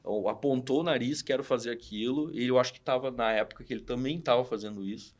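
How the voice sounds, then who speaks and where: A fast talker with a mid-range voice, this man in his forties from Rio Grande do Sul speaks with a southern Brazilian Portuguese accent. As a studio founder guesting on a podcast, he tells old stories in casual chat, animated and slangy, acting out what people said.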